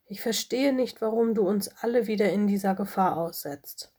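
Woman playing a calm, reproachful male forest elder, low and husky, storybook. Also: moderate pace, natural voice. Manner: soothing.

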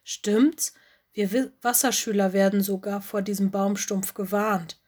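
A woman reading a storybook aloud and voicing a young beaver girl, earnest and slow, with a slightly husky voice. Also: mid-range voice, steady tone, darkish tone, natural voice.

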